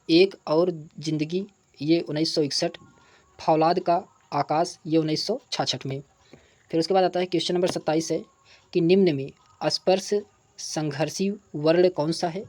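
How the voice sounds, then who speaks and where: A man teaching an exam prep lesson. He reads each past question, then states and repeats the answer and explains it, spelling out sounds and examples slowly. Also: fairly high pitch, darkish tone.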